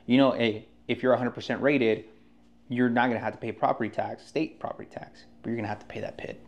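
A man's voice: medium pitch, fairly even intonation, fast talker, lo-fi sound. A man working as a real estate agent, talking casually and rambling with frequent restarts. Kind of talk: casual podcast talk.

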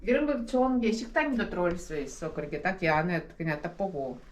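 A woman's voice: on the low side, a little fast, a little hiss or hum. A woman in her forties from Ukraine, a vlogging mother chatting casually with her family outdoors, doting and laughing often.

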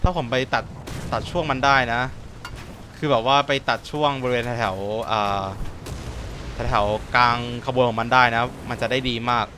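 A man of middle pitch talks through his tank match in casual, excitable commentary, exclaiming and cursing as he plays. Loud game artillery and rumbling vehicles sound clearly behind his voice. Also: normal speed, slight background noise. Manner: excitable, swears and exclaims often. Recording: voice over loud game gunfire and engines.

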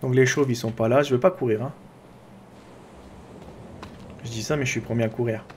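A man with a French accent doing chatty, excitable let's play commentary, talking to his viewers and to his own character. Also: mid-range voice, racing, slight background noise. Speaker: gaming YouTuber.

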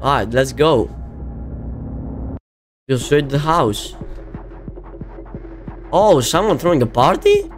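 Excitable young man gaming. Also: on the high side, takes it slowly, long pauses, faint music behind. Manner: excitable, yelling and laughing at the game. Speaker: gaming video creator. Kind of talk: casual let's-play commentary.

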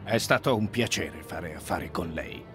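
An actor dubbing a shifty, evasive London informant in a game, with a gravelly voice. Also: male voice, sits low, normal speed, over music, close to an everyday voice. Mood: hushed. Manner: defensive, then a hushed storyteller. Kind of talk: Italian game dub.

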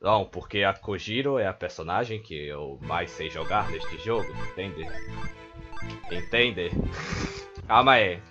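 A man's voice: sits low, animated, measured pace, pushed and bright, highs cut off, soft background music. A man with a Brazilian accent giving casual let's-play commentary over a fighting game. He often sounds frustrated, swears, and mutters "ai, ai" to himself. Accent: Brazilian Portuguese. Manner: frustrated, swears often, repeats "ai, ai" under his breath. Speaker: gameplay commentator.

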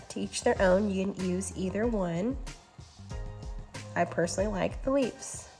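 Female cooking host, relaxed instructive voice-over, medium pitch, faint music bed. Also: creaky. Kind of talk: recipe voice-over. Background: faint background music.

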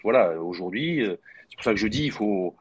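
A middle-aged former footballer from southwest France joins a casual video call from a room at home as a guest. His lowish, husky voice moves briskly with lively intonation, but he's hesitant, full of fillers and repeated words. The webcam audio sounds dull.

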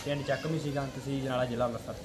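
Man, Punjabi accent, cattle seller, rapid speech, loud background noise, off-mic. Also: medium pitch, flat delivery. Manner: quick, bargaining. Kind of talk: casual sales chat. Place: farm cattle shed, indoors.

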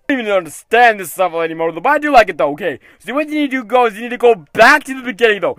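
High, bright-voiced man, excitable game commentator, prone to shouting at the character. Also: dry recording. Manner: repeatedly tacks "though" onto sentences. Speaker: gaming video host.

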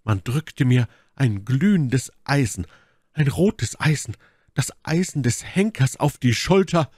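A man's voice: mid-range voice, expressive, slow pace, a little mellow, breathy edge, no room sound, studio quality, pitched above the performer's own voice. A man voicing a proud, manipulative noblewoman in a raised, dramatic register for an audiobook reading. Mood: anguished. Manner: heightened, dramatic pleading.

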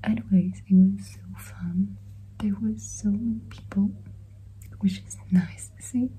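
A woman in her twenties from Greece, vlogging to a phone at arm's length in a small bedroom, her voice gone so she talks in a hoarse whisper. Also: mid-range voice, fairly even intonation, a little slow, a little hiss or hum, rough recording. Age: 20s. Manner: softly whispered, breathy delivery. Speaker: exchange student vlogger. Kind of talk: casual vlog talk to camera. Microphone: phone camera at arm's length.

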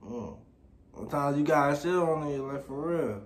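A man's voice: fairly high pitch, normal speed, a little hiss or hum. A man hosting a reaction video in casual, laid-back talk, often tagging his lines with "for real". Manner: laid-back, repeats "like, for real" and "you know what I'm saying". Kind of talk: casual commentary.

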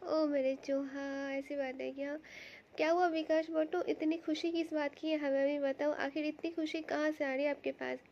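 A woman with a high, gravelly voice streams a game live, greeting viewers by name and answering their chat in a casual way. She sounds slightly hoarse from a cough. The audio is dull and lo-fi, as from a home stream. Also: level tone, normal speed, darkish tone, a little hiss or hum.

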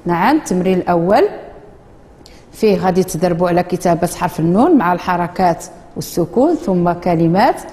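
A woman with a Moroccan accent teaching a children's reading lesson in a classroom, slowly drawing out words for the pupils to repeat. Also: fairly low pitch, lively intonation, mellow, long reverb tail. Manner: slow, drawn-out modeling of words for children. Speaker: primary school teacher.

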